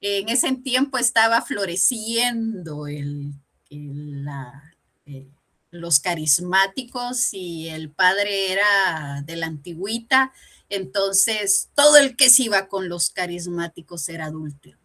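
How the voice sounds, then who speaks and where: A woman's voice: on the low side, expressive, takes it slowly, bright, forceful tone. A woman giving a personal testimony during a church Bible lesson, telling her story animatedly and acting out the dialogue.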